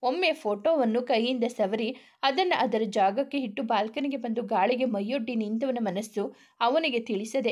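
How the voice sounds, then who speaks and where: A woman narrates a romantic family story with a fairly high voice. She reads it steadily, like a prepared script, and voices each character's lines in much the same voice. The telling stays calm and even throughout.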